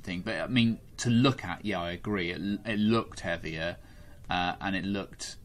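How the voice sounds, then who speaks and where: A man hosting a casual podcast, measured and a little hesitant, with many ums. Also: sits low. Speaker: host.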